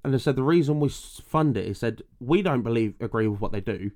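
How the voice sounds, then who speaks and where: A man's voice: mid-range voice, animated, fast talker, darkish tone. A man chatting casually and bluntly, swearing and telling anecdotes with reported quotes. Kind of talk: casual chat.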